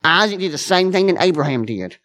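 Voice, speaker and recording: An earnest man preaches to his church in a conversational way. He circles back over his words, restarting and repeating phrases. Quick, offhand asides give way to slow, weighty lines. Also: high-pitched, animated, fairly bright tone. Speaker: pastor. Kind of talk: conversational sermon.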